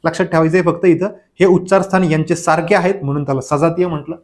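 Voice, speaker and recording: A man's voice: fairly high pitch, fairly even intonation, fast talker, a little mellow. A male teacher giving an exam revision lecture in grammar, asking questions and answering them himself, over and over. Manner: drilling with repeated questions and answers.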